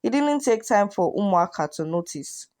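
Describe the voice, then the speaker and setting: A woman narrating a folktale in a measured, vivid storytelling manner. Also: medium pitch, sing-song, darkish tone, dry recording, studio quality. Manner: measured, vivid with proverbs and images.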